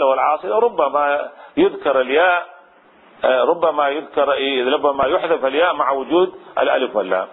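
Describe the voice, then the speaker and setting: A man's voice: mid-range voice, breathy edge. A man teaching Arabic grammar in a traditional lesson, explaining step by step with many repeats and restarts. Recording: tinny phone-like radio sound.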